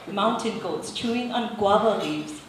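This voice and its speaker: A woman poet from England giving a live poetry reading, expressive in the poems and relaxed and chatty between them. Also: medium pitch, measured pace. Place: live poetry event in an echoey room. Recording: very echoey room, faint background noise.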